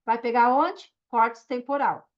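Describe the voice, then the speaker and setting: High-voiced woman teaching an online class. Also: fairly even intonation, measured pace, lo-fi sound. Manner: explanatory, checks in with listeners often. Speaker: course instructor. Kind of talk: recorded online lesson.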